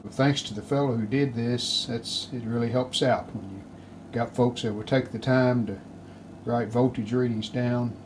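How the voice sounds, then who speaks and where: In a repair video, a hobbyist radio restorer speaks at a moderate pace with fairly even intonation and a medium, slightly mellow voice. He offers unscripted, casual commentary on his hands-on work, thinking aloud in short phrases. The sound is clearly noisy, typical of home video.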